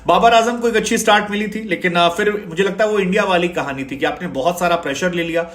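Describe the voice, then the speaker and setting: A man's voice: high voice, quick pace, a bit bright, reverberant. A man giving a chatty, sarcastic cricket match analysis, dropping English phrases into his talk.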